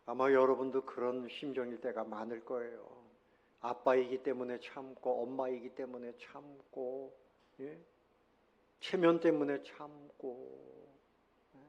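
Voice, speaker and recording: A man pastor preaching a sermon. He leads the congregation in repeating lines and moves between loud exhortation and quiet storytelling. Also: medium pitch, little pitch movement, measured pace, gravelly, highs cut off. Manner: leads congregation in call-and-response.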